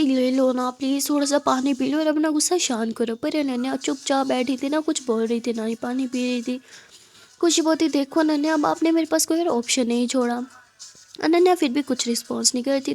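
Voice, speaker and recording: A woman storyteller reading a serialized romance story aloud, steady and conversational. Her voice is high-pitched yet mellow and dark in tone.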